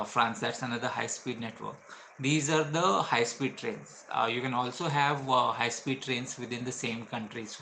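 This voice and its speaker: Indian-accented male vlogger, bright forceful tone, faint ambient noise; patient explainer. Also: medium pitch, gravelly, low-quality recording. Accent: Indian English. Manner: explains step by step with frequent uh fillers. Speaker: travel vlogger. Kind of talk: explanatory travel tips.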